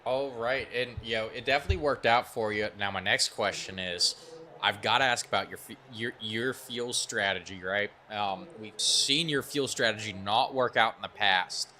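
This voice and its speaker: A man hosting post-race interviews for an online racing league, asking upbeat, hurried questions with plenty of fillers. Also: lowish voice, sharp tone. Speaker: esports racing broadcaster interviewing drivers.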